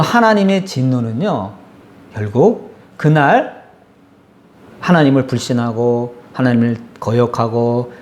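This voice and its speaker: A man pastor preaching a sermon, telling the story with animated voices for the complaining crowd and asking his congregation questions. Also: medium pitch, a little hiss or hum.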